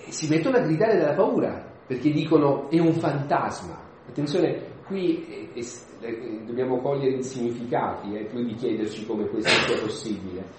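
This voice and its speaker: A man's voice: medium pitch, slight background noise. Man preaching in an echoey hall. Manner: lively, conversational, acts out the disciples' voices. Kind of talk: informal homily. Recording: echoey room.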